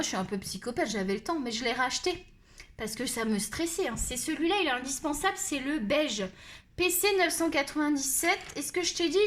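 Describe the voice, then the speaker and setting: A woman with a high, shrill voice who talks loudly and at length, chatting her way through a colored-pencil tutorial. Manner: loud, talkative and animated. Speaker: colouring tutorial host.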